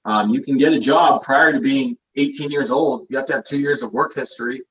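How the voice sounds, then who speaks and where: Speaking fairly quickly in a mid-range, slightly bright voice, a man in his thirties appears as a guest investor on a casual interview. He explains with confidence and leans heavily on numbers, and the dull lo-fi recording carries a little hiss or hum.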